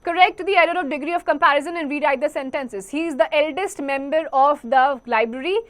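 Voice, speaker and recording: Woman teacher with an Indian English accent, high pitch, slow and careful grammar lesson delivery. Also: fairly bright tone. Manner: reads English text slowly, then explains quickly in Hindi. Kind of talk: grammar lesson for school students.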